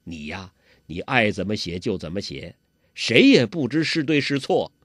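A man doing a gruff old beggar master. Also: big pitch swings, moderate pace, a bit bright, no room sound, studio quality. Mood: gruff, scheming. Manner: coarse, scolding, chuckling low talk. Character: old male beggar martial arts master, gruff and mischievous.

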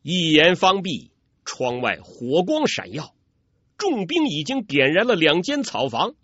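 Male storyteller, dramatic and lively, husky edge, dry dull studio sound. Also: fairly high pitch, measured pace, no echo. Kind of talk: traditional storytelling narration.

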